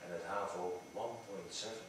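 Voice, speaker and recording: Low-voiced skeptical man in an echoey room. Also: fairly even intonation, normal speed. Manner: probing, skeptical. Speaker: thesis examiner. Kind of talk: academic questioning. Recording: very echoey room, distant mic, clearly noisy.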